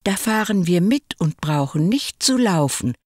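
A woman voicing an eager, bossy tall puppet in a read-aloud fairy tale, in a lively, raised voice. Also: on the low side, measured pace, slightly rough, no echo, studio quality, pitched above the performer's own voice. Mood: restless, eager. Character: cheeky restless tall male puppet.

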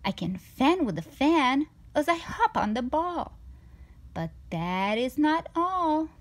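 A woman's voice: high-pitched, big pitch swings, slow, full character voice. A woman voicing a boastful, playful giant cat in a storybook, with an eager, showy, sing-song delivery. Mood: excited boasting.

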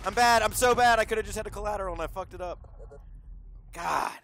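A young man gaming in online group voice chat over a headset mic, rowdy and trash-talking, swearing and breaking into shouts. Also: high voice, fast, slight background noise. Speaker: gamer.

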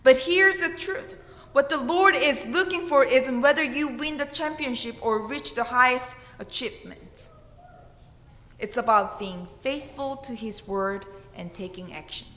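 A Korean-accented pastor in her thirties preaches a sermon from a church pulpit, speaking earnestly and asking emphatic questions. Her high-pitched voice is bright and forceful, a little slow. The pulpit microphone captures a roomy church with long reverb.

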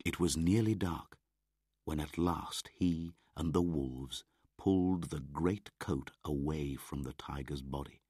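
Brief: deep unhurried man reading a children's classic aloud, husky and careful. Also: mellow, dry recording, studio quality. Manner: slow, clear, measured. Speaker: audiobook narrator. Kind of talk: scripted narration of a graded reader.

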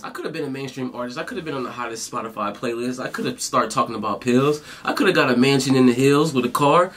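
A man giving casual reaction commentary on a song, excited and stumbling over his words. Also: mid-range voice, fast. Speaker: music reaction video host.

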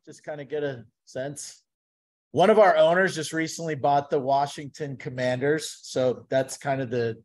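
Man quizzing a live audience. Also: medium pitch. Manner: engaging, asks the audience lots of questions. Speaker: guest speaker, investment presenter. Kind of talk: interactive sales presentation. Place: event venue with a live audience.

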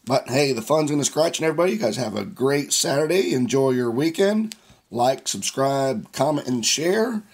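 This scratch-off channel host sounds hoarse and raspy after losing his voice, yet he's animated, speaking at a medium pitch. His casual vlog narration is slow and plain as he reads the numbers one by one.

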